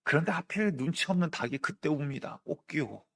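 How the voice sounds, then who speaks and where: A man's voice: fairly high pitch, lively intonation, a little fast, gravelly, a bit bright, husky. A middle-aged male pastor preaching a sermon, telling the story with drama and acting out the voices of the people in it. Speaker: senior pastor.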